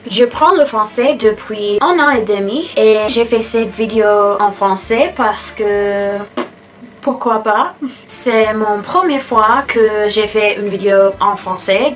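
A woman's voice: mid-range voice, unhurried, fairly bright tone, a little hiss or hum. A woman in her twenties from California with an American accent, talking to camera in a casual, slightly hesitant vlog. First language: English. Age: 20s. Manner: careful, a little hesitant. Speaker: vlogger.

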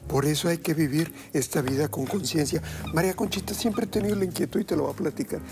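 A middle-aged man hosting a television cooking show, chatting effusively and flatteringly with his guest in a studio kitchen. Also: on the high side, fast talker, over music. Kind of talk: warm effusive studio chat. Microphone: lapel mic.

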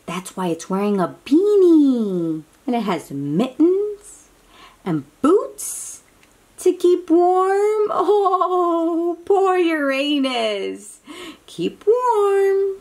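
Reading a picture book to young children very unhurriedly, a woman lets her voice rise and fall expressively, exclaiming and coaxing the little ones with simple questions. Her pitch is extremely high with big swings, and her tone is darkish.

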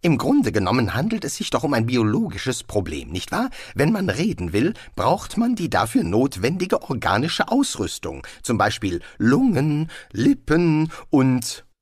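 A man's voice: mid-range voice, wildly swooping pitch, unhurried, hardly any pauses, husky, dry recording, clean studio sound, pitched above the performer's own voice, full character voice. Rincewind, a flustered wizard, put on by a man. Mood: defensive. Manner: flustered, defensive bluster. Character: nervous, bluffing male wizard, touchy about his pride. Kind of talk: audiobook reading.

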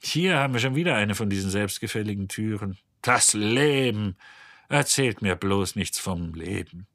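A male narrator voicing a deeply depressed, sarcastic male robot in an audiobook, husky and weary. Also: expressive, normal speed, fairly bright tone, no echo, studio quality. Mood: snippy. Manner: weary, sulking, mocking. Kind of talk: audiobook character voice.

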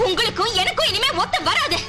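Brief: sharp-tongued, defiant young wife, quick and high-pitched. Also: female voice, sing-song, over loud music. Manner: sharp, scolding, combative. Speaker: actress. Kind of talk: Tamil film dialogue. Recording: film scene over loud background score.

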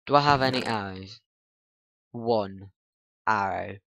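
A man's voice: fairly low pitch, slow pace, gravelly, fairly bright tone, no room sound. A man rambling through let's-play commentary, flustered, grumbling and poking fun at himself. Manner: flustered, grumbling, self-mocking. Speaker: gaming channel host.

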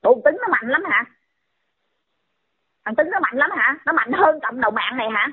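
Woman, scolding rant, high pitch, husky, phone-line sound. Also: animated. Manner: scolding, insulting, rapid repeated questions. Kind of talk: heated call-out rant. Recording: tinny phone-line audio.

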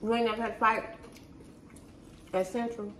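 A woman's voice: a little high, steady tone, normal speed, a bit bright. Blunt woman chatting in an echoey room. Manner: blunt, teasing, swearing. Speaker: mother hosting a family mukbang vlog. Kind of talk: casual chat while eating. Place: indoors at a table in a bright home room. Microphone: camera across the table. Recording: echoey room with background noise.

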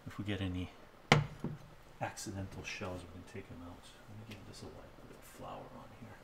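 This middle-aged cooking streamer talks fairly quickly in a deep, gravelly voice with a steady tone, chatting casually as he cooks in his home kitchen. He often asks "right?" and shifts closer to and away from a fixed camera mic, and the audio is very noisy.

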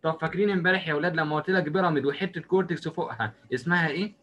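A man with an Egyptian accent giving a recorded lecture, drawing as he goes and asking and answering his own questions in a lively, joking way. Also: on the high side, rapid-fire, lo-fi sound. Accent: Egyptian Arabic. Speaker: medicine lecturer.

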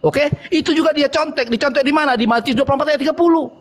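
A man's voice: very high voice, racing, a little hiss or hum. A man in a heated online debate who argues in a mocking, provocative and scornful way.

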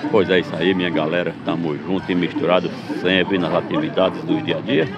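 A man's voice: sits low, steady tone, brisk, over a noisy crowd. A man from Pernambuco, cheerfully narrating a casual vlog from an outdoor street market. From Pernambuco, Brazil. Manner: upbeat, repetitive greetings to viewers. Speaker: vlogger. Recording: dull lo-fi sound, loud street noise.

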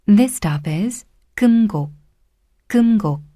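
Woman giving an unhurried, formal subway stop announcement, mellow voice, dry close recording. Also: medium pitch, lively intonation, no room sound. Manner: slow, deliberate, formal. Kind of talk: prerecorded train station announcement.

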